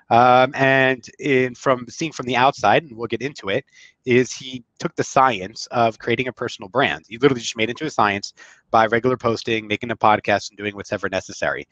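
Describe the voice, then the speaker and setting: A man's voice: mid-range voice, fairly bright tone, dry recording. Upbeat male live-show host, dull dry sound. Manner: upbeat, loose, with fillers. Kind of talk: casual live interview.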